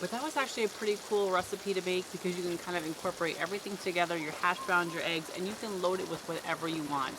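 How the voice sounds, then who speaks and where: A woman's voice: fairly low pitch, quick pace, few pauses. A woman co-hosting a camping vlog, talking in a friendly, chatty way. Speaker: vlog co-host. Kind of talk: casual vlog chat. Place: outdoor campsite. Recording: noisy outdoor camera audio.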